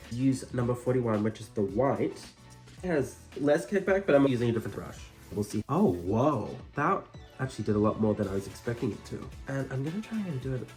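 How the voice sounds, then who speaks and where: A man talks in a campy drag queen manner at a middling pitch. He chats casually as he demonstrates makeup, with dry, self-deprecating asides. Music plays behind his voice. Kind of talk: casual makeup tutorial chat.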